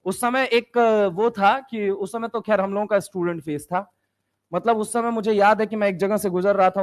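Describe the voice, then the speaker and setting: A young man teaching chemistry in a lively classroom lecture, firing repeated questions and teasing his students. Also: high voice. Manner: repetitive call-and-response questioning.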